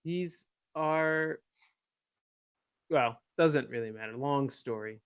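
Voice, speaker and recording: A man's voice: mid-range voice, slow pace, clean tone, no room sound. A man playing a tabletop game, talking casually and jokingly. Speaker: player.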